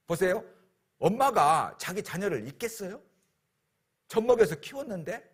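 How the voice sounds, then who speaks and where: Middle-aged guy pastor preaching, husky, voice leaps all over, bit high. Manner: animated storytelling, rhetorical questions. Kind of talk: sermon.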